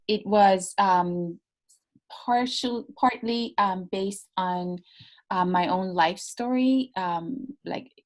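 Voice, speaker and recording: A woman guest on a video call interview, talking about her work thoughtfully with many pauses and restarts. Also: on the low side. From United States (born in Iran). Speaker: novelist guest. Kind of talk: casual interview talk.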